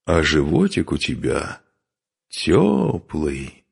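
A man voicing a brash, cheeky young male Khazar warrior in an audiobook, teasing and boastful, with a husky voice. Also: mid-range voice, huge pitch swings, normal speed, darkish tone, pitched above the performer's own voice, full character voice.

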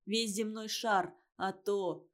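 A woman's voice: medium pitch, steady tone, slow pace, close to an everyday voice. A woman reading a story aloud and giving a condescending schoolboy his lines in a lecturing tone. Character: know-it-all schoolboy, condescending and boastful.

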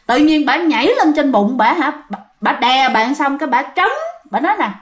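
Woman, chatty ghost story narration, slightly high voice. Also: lively intonation, moderate pace. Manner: chatty, addresses listeners directly.

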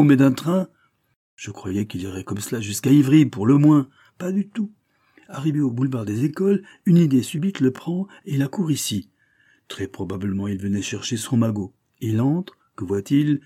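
A man's voice: mid-range voice, warm tone, husky, pitched above the performer's own voice. A man voicing a grumbling, unlucky police agent who complains about losing his arrest. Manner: aggrieved, grumbling.

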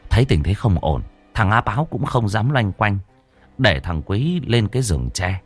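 A man narrating a ghost story in a lively, expressive way. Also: fairly low pitch, normal speed, slightly rough, dry recording. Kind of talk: scripted narration.

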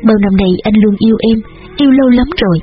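A man's voice: high voice, fast, close to an everyday voice. A man doing a choked, anguished young lover. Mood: earnest. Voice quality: husky, choked. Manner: desperate, pleading. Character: anguished young man pleading his love. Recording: dull lo-fi audio with faint music.

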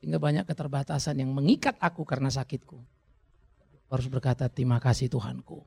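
A man's voice: mid-range voice, fairly even intonation, fast, vocal fry, mellow, husky. A middle-aged man preaching a sermon in a church, in a chatty, conversational way with jokes for the congregation. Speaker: pastor.

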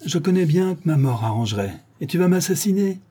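A man's voice: fairly high pitch, animated, fairly quick, dark tone, slightly rough, pitched above the performer's own voice. A man voicing a suspicious, hot-tempered old male farmer who barks his lines scornfully. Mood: menacing. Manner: barking, scornful.

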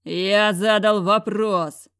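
A woman's voice: lowish voice, normal speed, natural voice. A woman voicing a rude, hulking grown man who growls and sneers in an audiobook. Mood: angry.

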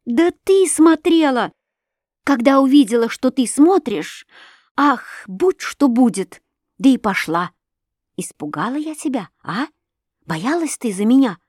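A woman's voice: high voice, measured pace, no echo, clean studio sound, voice pushed up, full character voice. A woman voicing a tearful, impulsive young princess. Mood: excited. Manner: emotional, rising into excited outbursts. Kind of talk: audiobook reading.

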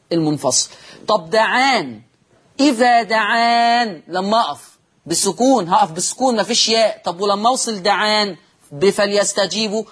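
A man's voice: high voice, fairly bright tone, slightly rough. A man with an Egyptian accent teaching the rules of Quran reading on a TV lesson, explaining step by step and answering his own questions. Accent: Egyptian Arabic.

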